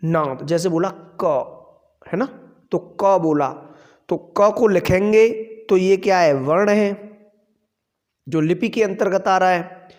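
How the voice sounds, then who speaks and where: A man with a high voice gives a grammar lesson at an unhurried pace. He poses questions to the class and answers them himself. A long reverb trails behind his voice, as in a large hall. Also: a little mellow. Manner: explains slowly, asks and answers his own questions. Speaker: Sanskrit grammar teacher. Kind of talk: classroom lecture.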